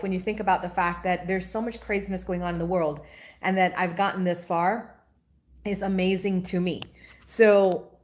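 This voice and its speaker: A woman, a spiritual teacher in a casual live-stream chat. She talks in a chatty, animated way and greets viewers by name. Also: mid-range voice. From Guyana. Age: 40s.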